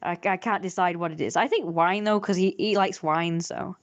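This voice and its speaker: Drawing on a livestream, a woman keeps up a casual, rambling, self-critical chat. Her lowish voice holds a steady tone at a moderate pace.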